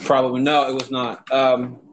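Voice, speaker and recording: A man's voice: medium pitch, monotone, moderate pace, noisy background. A man from Texas hosting a casual podcast chat, stumbling over words and swearing freely. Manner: stammering, profane, restarts often. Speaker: podcast host. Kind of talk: casual banter.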